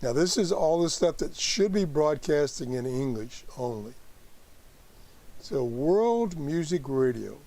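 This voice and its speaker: Slow, mellow man thinking aloud. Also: a little high, expressive. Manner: halting, thinking aloud while operating the app. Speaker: host demonstrating a radio app. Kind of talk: casual live tutorial.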